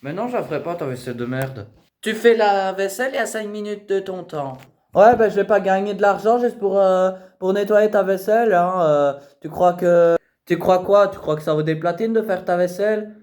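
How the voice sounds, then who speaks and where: A man's voice: moderate pace, darkish tone, natural voice. A man voicing a rude, rebellious teenage girl who mocks and swears back at her mother, recorded in an echoey room. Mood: defiant. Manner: shrill, mocking, swearing back.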